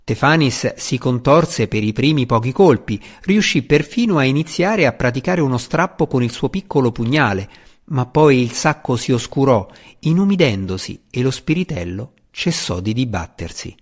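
A man narrating a fantasy audiobook with expressive, dramatic storytelling. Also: medium pitch, normal speed, breathy edge.

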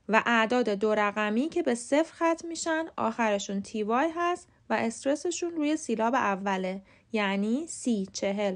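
A woman with a Persian accent, hosting a podcast and giving a scripted English lesson with clear, careful enunciation of example words. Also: on the high side. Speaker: podcast host and English teacher.

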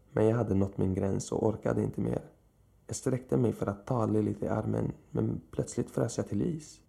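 In a slow, measured delivery, a man narrates a horror story. His low voice is deeply gravelly, and its dark, muffled quality fits the story's sense of dread.

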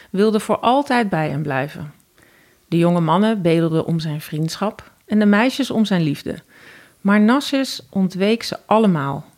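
A woman with a Dutch accent narrating a fairy tale in a calm, even storytelling voice. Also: lowish voice.

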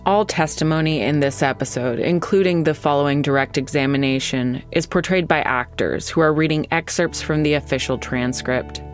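An American woman hosting and narrating a scripted true-crime podcast in a measured storytelling way with deliberate pauses. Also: low-pitched, soft background music.

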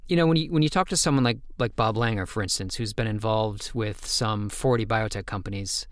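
A man hosts a podcast interview in a conversational, easygoing way, restarting his sentences now and then. His voice sits fairly low, and the recording is dry and close. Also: a little fast, no echo. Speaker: podcast host.

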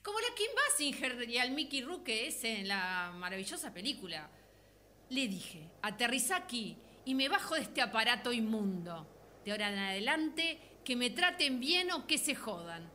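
A self-satisfied, brash woman in a comic drama, high and bright. She boasts dramatically, with some ambient noise behind her. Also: sing-song, moderate pace. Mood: triumphant.

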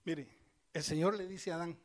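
A male preacher giving a sermon, telling scripture stories with lively asides and speaking straight to his congregation. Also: on the high side, moderate pace. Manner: lively storytelling, acts out scripture voices; addresses congregation directly, conversational asides.

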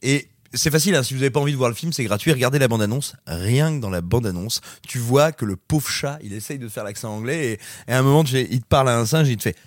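A man reviewing a film in a casual podcast chat, animated and sarcastic as he mocks it. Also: mid-range voice, fast, hardly any pauses, no echo, studio quality. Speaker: film critic.

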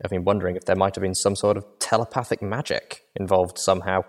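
A man's voice: deep voice, fairly even intonation, fast, natural voice. A man voicing a small, earnest young mare who asks questions in an audiobook.

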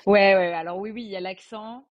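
A woman's voice: medium pitch, fairly even intonation, a little fast, lo-fi sound. A woman in her twenties, a podcast guest, talking casually and hesitantly with lots of fillers. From France. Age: 20s. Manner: hesitant, many fillers, chatty. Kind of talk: casual conversation.

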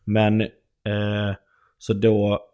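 A man's voice: lowish voice, monotone, mellow, clean tone. A young male stand-up comedian telling an anecdote in casual chat, rambling and full of fillers.

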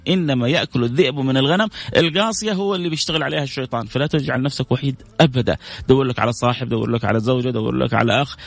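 Hosting a relaxed religious chat on the radio, this man speaks with a Hijazi Saudi accent in a creaky, mid-range voice. He greets his listeners warmly with endearments and blessings, and the recording has no echo.

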